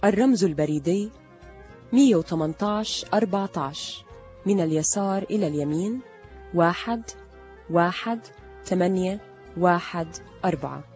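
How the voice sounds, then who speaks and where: A woman's voice: lowish voice, normal speed, pauses often, darkish tone, highs cut off, soft background music. A woman, formally announcing the program's contact address. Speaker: radio announcer.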